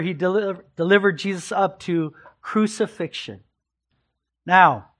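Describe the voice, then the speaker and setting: A man with a notably high voice delivers an expository sermon from the pulpit. He speaks earnestly and emphatically, and he often repeats a phrase to drive a point home. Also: a bit bright. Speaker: pastor.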